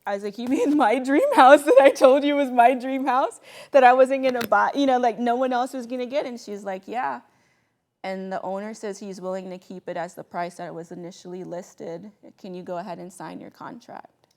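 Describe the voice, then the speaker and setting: A young adult woman from the Bahamas, telling a personal story in a lively, chatty way, often laughing and acting out what people said. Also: a little high, normal speed. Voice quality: animated, laughs often, quotes people in voices.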